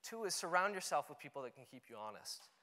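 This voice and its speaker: A young Canadian man speaks on an auditorium stage at a conference, his voice a little high, quick, pushed and bright, with big pitch swings. His talk is earnest and conversational, full of "you know" fillers, and the hall adds a long reverb.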